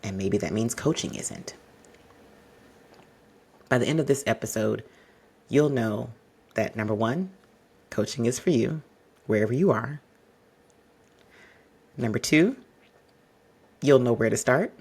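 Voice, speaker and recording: Here a male podcast host gives advice directly to whoever is listening. The voice sits at medium pitch, rough and husky with little variation, and every line comes out deliberate and exact.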